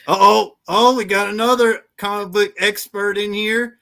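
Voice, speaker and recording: Male host, bright tone, mock-indignant teasing, casual stream banter. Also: sits high, steady tone, normal speed, gravelly. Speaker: show host.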